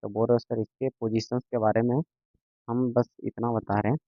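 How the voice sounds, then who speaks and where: A man's voice: mid-range voice, flat delivery, normal speed, no echo. Patient male maths teacher, lo-fi. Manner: patient, repetitive, keeps checking students understand. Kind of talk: classroom lecture. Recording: dull lo-fi sound, dry.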